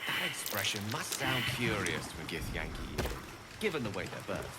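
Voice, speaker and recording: Well-spoken wizard, lowish voice, courteous and articulate, loud game ambience behind. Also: male voice, very animated, normal speed, very noisy. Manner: polite, articulate. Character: courteous scholarly male wizard companion.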